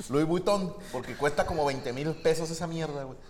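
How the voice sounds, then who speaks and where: A man's voice: fairly high pitch, unhurried, noisy background. Mexican man hosting, playful and crude. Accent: Mexican Spanish. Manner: joking, crude slang, teasing guests. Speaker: podcast host. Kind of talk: casual chat.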